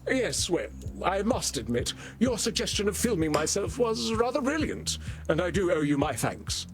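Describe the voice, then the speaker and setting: High-voiced, theatrical villainous vampire thespian. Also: male voice, big pitch swings, faint music behind. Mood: lofty, grudging. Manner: slow theatrical villain menace, grandiose archaic diction. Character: pompous, theatrical male vampire stage actor, vain and wounded. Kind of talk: theatrical video game voice acting.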